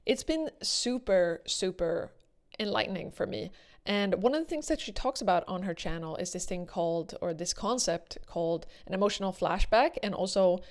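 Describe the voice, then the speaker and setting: A woman speaks in an average-pitched voice, giving casual opinion commentary straight to her viewers. Her manner is earnest and emphatic, and she stresses points by repeating words. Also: normal speed. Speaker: video commentator.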